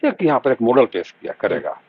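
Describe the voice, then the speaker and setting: A middle-aged man, a doctor standing for election, answering interview questions in an earnest, measured way and repeating key words. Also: medium pitch, very animated, husky, phone-quality sound.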